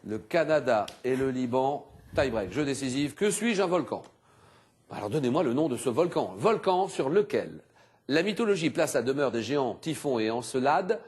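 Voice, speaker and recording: A man hosting a TV quiz show, animated and exclamatory, reading clues and teasing contestants in a studio. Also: medium pitch, moderate pace, slightly rough.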